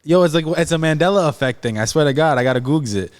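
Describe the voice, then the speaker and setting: A man's voice: fairly high pitch, animated, fast. A young man co-hosting a podcast, chatting loosely and joking, sometimes reading search results aloud. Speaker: podcast co-host. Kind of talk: casual chat.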